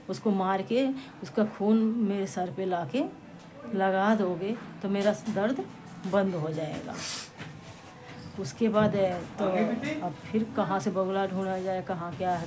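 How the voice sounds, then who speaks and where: A woman casually recounting a traditional devotional folk story, chatty and halting, breaking off to restart lines and speak to the listeners around her. Her voice sits at an ordinary pitch. The recording has clear background noise throughout. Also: steady tone, warm tone. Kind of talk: casual folk tale telling.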